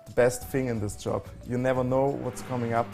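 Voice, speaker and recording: Halting man over music. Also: mid-range voice, level tone, darkish tone. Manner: halting, many fillers. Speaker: private jet handling staff. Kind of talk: interview answers.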